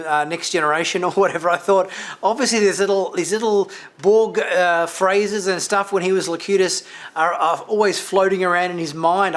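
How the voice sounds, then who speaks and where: Higher-voiced man giving a rambling review. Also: fairly bright tone. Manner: rambling, with many fillers and restarts and light laughs. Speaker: TV review channel host. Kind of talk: casual spoken episode review.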